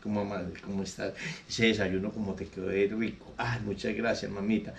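A man's voice: level tone, a little fast, gravelly, a little hiss or hum. A man voicing a cheating husband who murmurs sweet words into the phone, in a joke. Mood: sweet-talking. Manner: low, soft, murmuring sweet talk. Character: smooth two-timing man on the phone.

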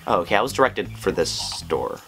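A man's voice: low voice, lively intonation, brisk, creaky, loud music behind the voice. A man in his twenties talking casually, as a prank caller and video host in a living room. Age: 20s. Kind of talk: casual vlog and prank call talk. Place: small indoor living room, on a couch.

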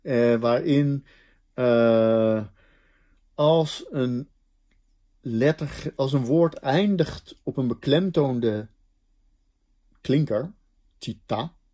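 A man's voice: medium pitch, very slow, pauses often, dark tone. A man giving a recorded linguistics lecture, explaining step by step and thinking aloud with many fillers and restarts.

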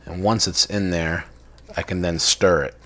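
A man's voice: low-pitched, fairly even intonation, a little slow, a bit bright. A young adult man hosting a casual cooking vlog from his home kitchen, chatty and enthusiastic with lots of fillers. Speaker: cooking channel host.

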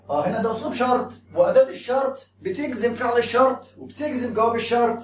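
A man's voice: sits high, darkish tone, echoey room, recorded from a distance, a little hiss or hum. A man with an Egyptian Arabic accent teaching a grammar lesson, explaining step by step and asking and answering his own questions.

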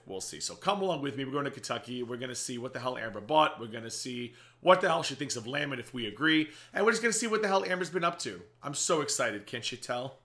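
A reaction channel host talks fast in a bright, medium-pitched voice with a slight rasp from strain. He's chatty and sarcastic, tossing in quick asides as he delivers casual reaction commentary from a small home office lined with bookshelves.

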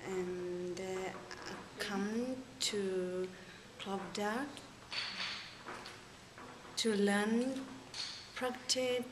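A woman in her thirties, an English learner, speaking haltingly and searching for words. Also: mid-range voice, fairly even intonation. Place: indoor room, plain wall. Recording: roomy with clear background noise.

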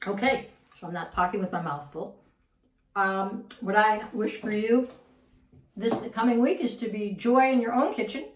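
A woman's voice: mid-range voice, normal speed, slight background noise. A woman hosts a casual cooking demonstration, chatting along and repeating words as she works. She is heard from a distance in an echoey home kitchen. Dishes and pans clatter behind her. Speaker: cooking show host.

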